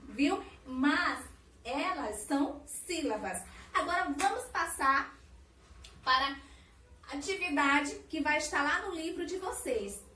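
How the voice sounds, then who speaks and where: A woman's voice: sits high, a bit bright. A woman teacher with a Brazilian Portuguese accent giving a recorded lesson to young children, patient and sing-song, stretching out syllables. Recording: roomy echo, far from the mic, faint hiss.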